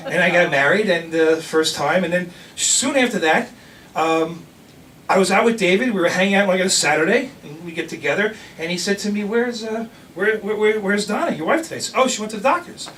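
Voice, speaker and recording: Animated older male storyteller, distant mic. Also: high voice, brisk, a little hiss or hum. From New York area. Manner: animated, rambling, with restarts and laughter. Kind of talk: live personal storytelling.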